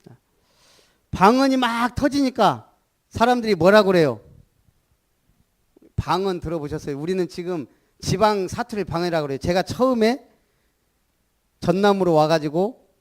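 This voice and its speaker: Animated high-voiced preaching man. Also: normal speed, pauses often. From Gunsan, Jeolla, South Korea. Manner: animated preaching, calls for repetition, rhetorical questions. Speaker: pastor. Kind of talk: sermon.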